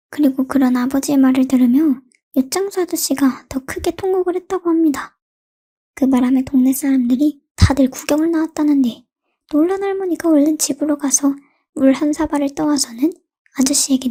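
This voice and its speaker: A woman narrating a true-life story aloud in a gentle, storytelling manner. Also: high-pitched. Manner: gentle, retelling hearsay. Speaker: story reader.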